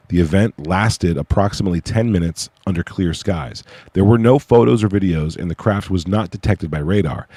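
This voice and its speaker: Low voiced guy doing a casual livestream, dry sound, slangy and hesitant, bit of a whistle on his s's. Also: a little mellow, slightly rough, no echo. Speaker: livestream host presenting own research project. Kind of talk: casual livestream chat with read-aloud case notes.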